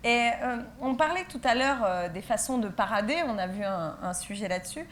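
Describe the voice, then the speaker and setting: A woman's voice: medium pitch, brisk, a bit bright, a little hiss or hum. A woman hosting a web TV festival interview, friendly and hesitant, with many fillers.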